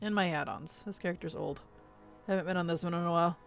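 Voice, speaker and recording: A woman's voice: fairly low pitch, fast, gravelly. Chatty woman streamer with faint music. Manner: chatty, laughs often, mutters to herself while fixing settings. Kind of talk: casual live-stream chat.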